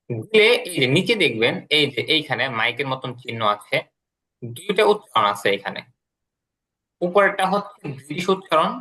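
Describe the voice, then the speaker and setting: A man's voice: mid-range voice, bright, forceful tone. A man teaching English vocabulary and pronunciation in an online class, explaining step by step and repeating his pointing phrases.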